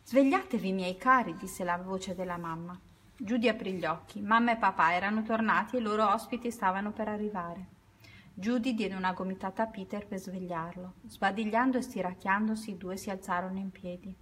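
A woman reading a children's story aloud at an unhurried pace, now and then correcting herself. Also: medium pitch, steady tone, a bit bright, breathy edge.

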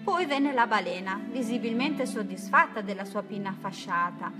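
A woman reading a children's bedtime story aloud in a gentle, lilting way. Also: medium pitch, lively intonation, moderate pace. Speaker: narrator. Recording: music playing behind.

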